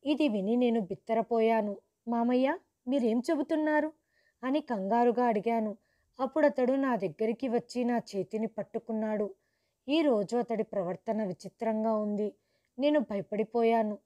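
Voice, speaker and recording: A woman telling a first-person story in a steady, earnest narrating voice. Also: fairly high pitch, moderate pace, muffled recording.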